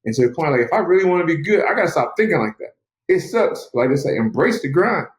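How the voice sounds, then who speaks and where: A man talks fast and earnestly, pushing a motivational message in a casual interview. His voice sits a little high. The room around him rings with echo. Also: sing-song. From United States. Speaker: guest, mixed martial artist.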